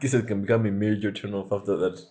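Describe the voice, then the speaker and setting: A man's voice: lowish voice, flat delivery, fast, a crowd in the background. A young man from Africa co-hosting a podcast, chatting in slang with frequent laughs and restarts. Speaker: podcast co-host. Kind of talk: casual chat.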